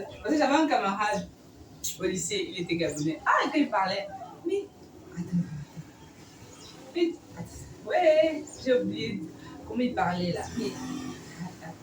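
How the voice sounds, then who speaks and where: A young woman from Cameroon chatting to camera in a rambling, self-correcting way. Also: medium pitch. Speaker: vlogger. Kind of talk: casual chat to camera. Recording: echoey room, far from mic, noisy.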